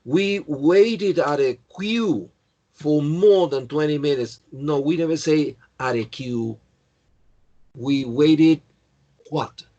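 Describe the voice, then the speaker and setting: A man teaches an English class at an unhurried pace, with a voice set a bit higher than usual for a man. He patiently corrects each student by name, and the sound is dull and lo-fi. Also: mellow. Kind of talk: online class, checking answers.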